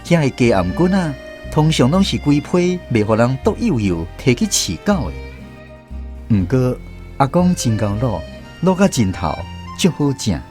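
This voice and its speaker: Against faint background music, a man with a Taiwanese accent speaks in a mid-range, somewhat dark voice, a little slowly and with wide swings in pitch. He plays an adult grandson recalling his grandfather, narrating in the first person in a tender, reflective radio-drama style.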